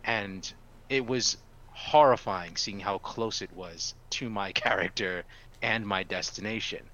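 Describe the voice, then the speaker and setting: Lively, swearing man telling stories. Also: on the low side, unhurried. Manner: animated storyteller, swears freely. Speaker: podcast co-host. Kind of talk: casual podcast chat. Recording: dull lo-fi audio.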